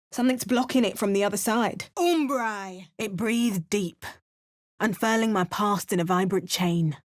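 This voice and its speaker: A woman with a medium-pitched voice, close to how she'd normally speak, performs parody game voice lines. She plays a wry, dramatic female adventurer hero in an exaggerated mock Cockney accent, hamming up theatrical spell chants.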